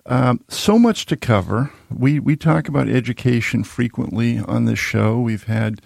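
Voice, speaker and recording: A man's voice: medium pitch, measured pace, creaky, a little mellow, dry recording, studio quality. A man in his sixties hosting a radio talk show, asking long, rambling questions full of restarts. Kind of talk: radio interview. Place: radio studio. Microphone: studio microphone.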